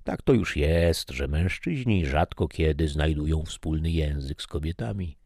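Man reading a story aloud, expressive storytelling, very deep voice, dry close recording. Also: a little slow, breathy edge, dry recording. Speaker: narrator. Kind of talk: read-aloud short story.

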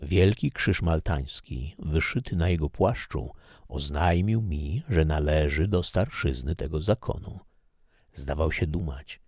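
A man narrating an audiobook in a measured, even reading. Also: very deep voice, no echo, studio quality.

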